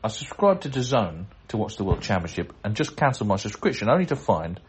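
Chatty man with a low voice. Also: sing-song, fast, a little mellow. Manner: chatty, chuckling, self-deprecating asides. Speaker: podcast host reading listener mail. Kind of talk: casual chat and letter reading.

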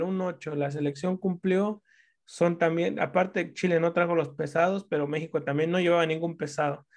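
A fairly high-voiced man, chatting about football on a talk show. He is animated, swears casually and often breaks off to restart a sentence. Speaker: sports talk show host. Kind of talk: casual sports chat.

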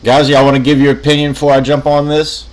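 A man's voice: medium pitch, monotone, quick pace. A man hosting a sports podcast, speaking in a conversational way. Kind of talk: conversational sponsor read and sports chat.

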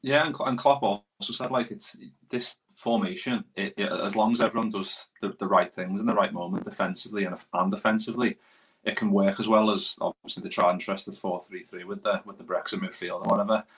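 British guy hosting a footy podcast, lowish husky voice, kinda hesitant. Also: steady tone, fairly quick, fairly bright tone, low-quality recording. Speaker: podcast host. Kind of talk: casual football chat.

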